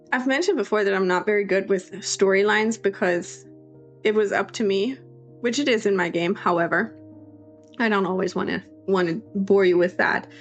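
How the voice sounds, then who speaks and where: A young YouTube creator with a sore throat narrates her game-building video in a raspy, mid-range voice, casual and chatty. She keeps apologizing and restarting, over faint background music.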